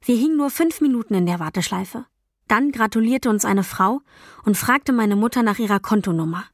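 A woman reading a first-person novel as an audiobook, in a calm, even storytelling voice with quiet dialogue voices. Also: on the high side, brisk, no room sound, clean studio sound. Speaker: audiobook narrator. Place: dry recording booth. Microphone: close studio mic.

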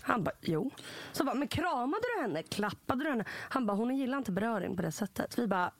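A woman co-hosting a podcast, telling a story in casual chat with lots of fillers and acted-out quotes. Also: fairly high pitch. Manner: animated anecdote-telling, quotes people with "bara", lots of fillers. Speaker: podcast host.

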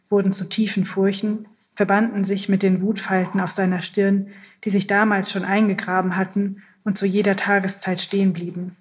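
A woman narrating a literary audiobook in the first person, reading in a calm, measured way. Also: mid-range voice.

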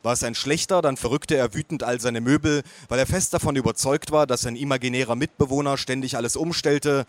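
A man reading a first-person audiobook in a calm, measured way with a wry edge. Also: medium pitch, dry recording. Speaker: audiobook reader.

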